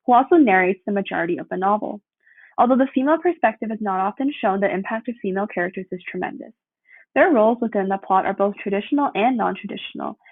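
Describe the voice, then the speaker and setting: A young woman reading a prepared student presentation aloud. She keeps a steady pace and sometimes stumbles and corrects herself. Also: medium pitch, no room sound. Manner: steady read-through with occasional slips and self-corrections. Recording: dry, tinny phone-like sound.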